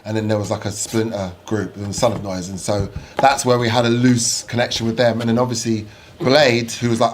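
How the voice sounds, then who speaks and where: A man in his late forties talks in a low, unhurried voice, looping through memories with fillers and restarts. A faint hiss of background noise sits under the casual chat. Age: 40s. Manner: rambling, full of fillers and restarts. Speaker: podcast host.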